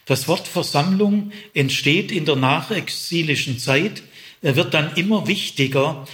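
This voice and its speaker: A man's voice: fairly high pitch, fairly bright tone. A man explaining a psalm in a Bible lesson, reflective, with frequent hesitations. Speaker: Bible teacher.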